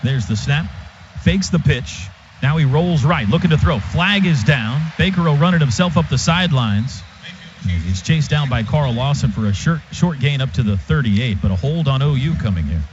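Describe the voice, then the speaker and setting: Here a medium-pitched, animated man narrates football action live on radio at normal speed, sticking to short present-tense phrases. The dull, lo-fi broadcast comes from a stadium radio booth, and the stadium's noise is plainly heard.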